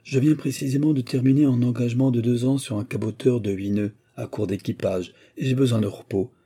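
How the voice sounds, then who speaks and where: A man voicing a sly, grinning old sailor in an audiobook, speaking loud and brash. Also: mid-range voice, steady tone, brisk, slightly rough, close to an everyday voice. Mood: insolent.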